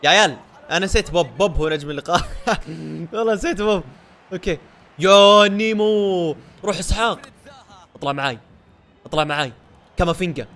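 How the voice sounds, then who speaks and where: A young man giving live commentary on his own football video game match, excitable and breaking into shouts over goals. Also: fairly high pitch, very fast, gravelly, pauses often. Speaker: gaming YouTuber.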